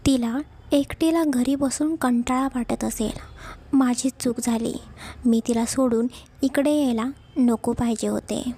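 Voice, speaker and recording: A woman's voice: a little high, steady tone, measured pace, mellow, husky. A woman voicing a worried middle-aged mother who pleads and scolds in a storybook reading. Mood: scolding.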